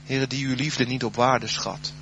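A man preaching a sermon, then leading a spoken prayer, his voice swelling loud and dropping soft. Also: medium pitch, little pitch movement, a little slow, dull audio, slight background noise.

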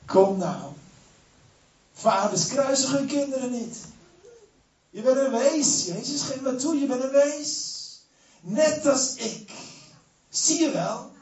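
A preacher voicing Satan as a mocking, goading fallen angel. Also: male voice, very high voice, voice pushed up, full character voice. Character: taunting male Satan, sneering fallen angel. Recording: echoey church hall, distant dull mic, noisy.

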